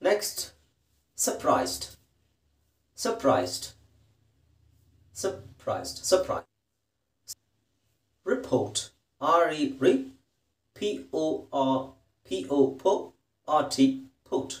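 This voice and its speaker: A man teaches English pronunciation slowly and carefully, spelling each word out letter by letter. His pitch rises and falls a lot. He sounds a little far from the mic, in a room with a lot of echo. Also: big pitch swings. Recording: roomy echo, distant from the mic.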